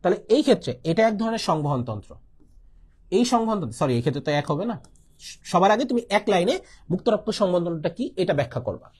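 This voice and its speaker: Young Bangladeshi-accented man as a tutor, husky voice, lively pitch, coughs between points. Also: quick pace. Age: young adult. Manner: repeats key points, asks and answers his own questions, coughs often. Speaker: biology tutor. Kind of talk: online exam-prep lecture.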